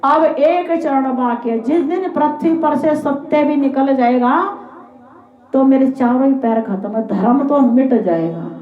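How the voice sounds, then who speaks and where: A woman's voice: sits high, measured pace. A woman telling a scripture story, voicing a sorrowful one-legged bull, the spirit of righteousness, who laments. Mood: lamenting. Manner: mournful, lamenting. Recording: echoey, tinny phone-like sound.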